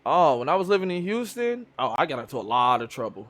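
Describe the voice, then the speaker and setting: A man from Chicago with a slightly higher voice, talking loosely on a live stream. He swears freely and tells stories with lots of bounce. He chats casually with a friend. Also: fast talker. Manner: loose, profane, animated storytelling. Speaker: streamer host. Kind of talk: casual chat.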